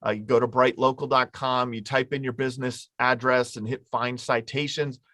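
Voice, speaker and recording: A man's voice: medium pitch, little pitch movement, normal speed, a bit bright, dry recording. Man teaching in a casual, dry voice. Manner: conversational, explains with hypothetical examples. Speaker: marketing presenter. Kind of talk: informal webinar teaching.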